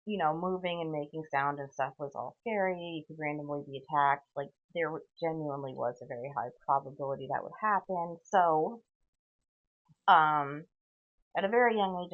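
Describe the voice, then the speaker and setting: Sardonic female podcaster, low voice, tinny phone-like recording, rambling monologue. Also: moderate pace. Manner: tangential, sardonic, frequent "okay?" asides. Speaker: podcast host. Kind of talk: rambling solo storytelling.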